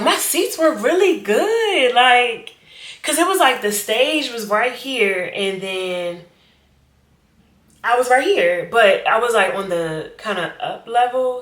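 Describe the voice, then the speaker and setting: A woman, chatting casually and animatedly to her vlog viewers, full of slang and quick laughs. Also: mid-range voice, fairly bright tone. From Richmond, Virginia. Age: 20s. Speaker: vlogger. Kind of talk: casual get-to-know-me vlog. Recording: echoey room.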